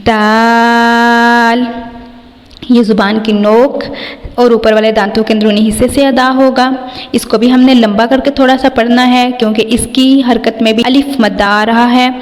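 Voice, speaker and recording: Her fairly high voice echoes with a long reverb, as if recorded in a hall, as this Quran reading teacher works through a tajweed lesson. Speaking with a Pakistani Urdu accent, she stretches each letter slowly, then explains it evenly and patiently.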